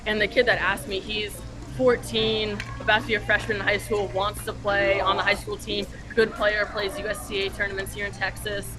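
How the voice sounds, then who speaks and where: A woman's voice: mid-range voice, little pitch movement, fairly quick, over music. A young woman, a tennis camp counselor, speaking earnestly and eagerly about teaching kids. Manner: eager and earnest, repeats "I love". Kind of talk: casual interview answer. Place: outdoor tennis courts.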